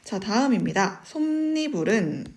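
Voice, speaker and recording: Woman teacher going over test questions, patient step by step, lots of little "eo" pauses, asks the class stuff. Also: medium pitch, sing-song, a little mellow. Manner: patient, step-by-step explaining with frequent "eo" fillers. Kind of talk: online lesson explaining exam questions.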